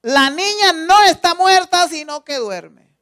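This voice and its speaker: A man preaching voices Jesus as a calm, authoritative adult man who speaks in slow, solemn pronouncements. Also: very high voice, pitched above the performer's own voice, full character voice.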